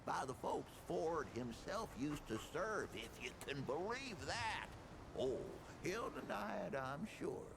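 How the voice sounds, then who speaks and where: A man playing a boastful, forgetful old storyteller in a video game, with a gravelly grandpa voice and folksy, rambling delivery. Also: fairly high pitch, very animated, takes it slowly, background noise, exaggerated voice. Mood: secretive, boastful. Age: older. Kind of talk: video game character dialogue, tall-tale storytelling.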